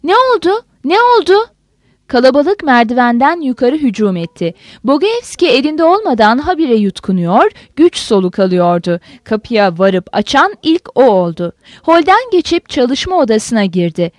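A woman narrating a novel as an audiobook in an expressive, dramatic reading. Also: on the high side, normal speed, few pauses, no room sound, clean studio sound.

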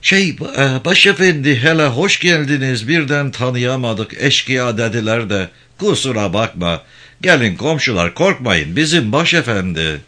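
A man's voice: mid-range voice, moderate pace, voice pushed up. A man putting on a stammering, fawning village imam. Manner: stammering, obsequious, flattering.

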